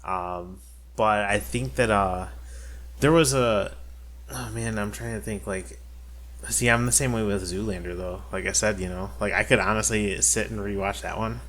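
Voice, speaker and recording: A man's voice: fairly low pitch, fairly even intonation, moderate pace, a bit bright, a little hiss or hum. A man co-hosting a podcast in casual chat, rambling with many fillers and restarts. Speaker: podcast co-host.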